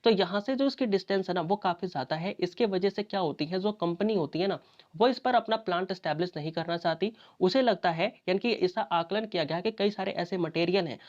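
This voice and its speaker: Female exam coach, low voice, chatty question-and-answer delivery, muffled lo-fi recording. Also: fairly quick, a little mellow. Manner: conversational, repeats fillers, asks and answers own questions. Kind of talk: explanatory lecture. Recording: dull lo-fi audio.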